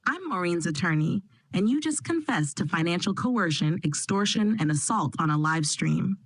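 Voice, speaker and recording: A woman voicing a calm, sharp female attorney who speaks precisely. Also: lowish voice, normal speed, no room sound.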